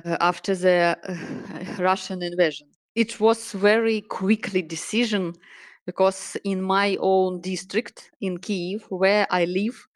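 A Ukrainian woman in her thirties, a salon owner and project manager, answering interview questions in careful, halting English with many pauses. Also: medium pitch, dry recording. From Ukraine, Donetsk region. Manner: earnest, halting non-native phrasing with many pauses.

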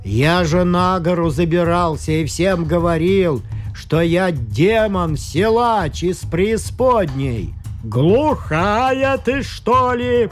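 Loud bossy demon brute, man doing the voice, high and swoopy, drawn out, soft music behind. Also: expressive. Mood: shouting, angry. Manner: bellowing, slow and drawn out. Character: boastful bullying male demon strongman. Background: faint music.

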